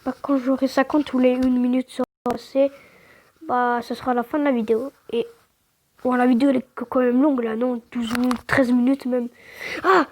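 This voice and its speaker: A woman giving casual gameplay commentary, stammering and restarting words, with slangy, excitable outbursts. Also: high voice, fairly quick. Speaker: gaming channel host.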